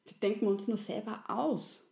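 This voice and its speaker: A woman's voice: mid-range voice, normal speed, gravelly, dark tone, close to an everyday voice. Woman doing a kindly creator woman. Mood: gentle. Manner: soothing, folksy, fond of dialect fillers. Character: kindly wise creator woman, patient and homely. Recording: roomy echo.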